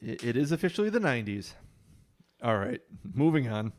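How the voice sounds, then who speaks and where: A man's voice: mid-range voice, big pitch swings, a little fast, darkish tone. A man co-hosting a podcast, talking in a conversational, dry and opinionated way. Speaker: podcast co-host. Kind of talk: casual chat.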